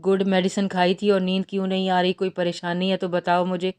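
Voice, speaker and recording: A woman voicing an earnest, gentle young man courting the woman he loves in an audiobook novel reading. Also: fairly low pitch, monotone, clean tone, close to an everyday voice. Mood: tender. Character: earnest young man in love, tender suitor.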